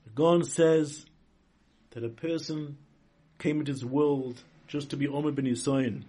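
A man speaking as a rabbi in an informal sermon, halting and rephrasing as he goes, with emphatic stresses. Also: fairly high pitch, fairly even intonation, warm tone, husky. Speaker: rabbi giving a religious talk. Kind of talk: informal sermon, inspirational religious lesson.

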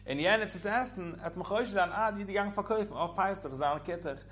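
A man's voice: high voice, fast, fairly bright tone. A man giving a religious law lesson in a sing-song, swooping teaching cadence.

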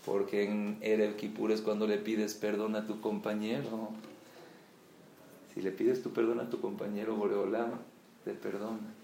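A man gives a storytelling sermon in a gravelly voice. He acts out the characters' lines animatedly. The recording is roomy and echoey, with faint ambience behind him. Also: normal speed, slight background noise. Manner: animated, acts out quoted dialogue with rising pitch. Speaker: religious teacher.

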